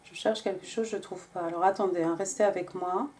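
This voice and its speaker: A woman's voice: fairly low pitch, steady tone, brisk, darkish tone, slight background noise. A woman giving a casual tarot reading, talking with many hesitations and restarts. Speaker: tarot reader.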